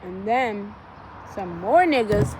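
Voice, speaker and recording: A woman retelling a book's plot in a casual, animated and profane way, full of slang. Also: medium pitch, takes it slowly, noisy background. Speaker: vlogger retelling a book. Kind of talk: casual storytelling.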